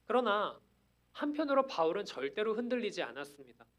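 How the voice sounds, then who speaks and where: A man with a high voice preaches a sermon. He speaks earnestly and steadily, then swells into emphatic, declaring passages. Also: sing-song, brisk, a bit bright.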